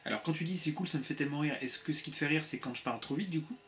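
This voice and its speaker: A man hosting a casual livestream from a home room on a laptop webcam, reading viewers' messages aloud in a quick, playful way with many restarts. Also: on the high side, fairly bright tone, slight background noise. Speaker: livestream host. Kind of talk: casual live chat with viewers. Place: home room with shelves of CDs.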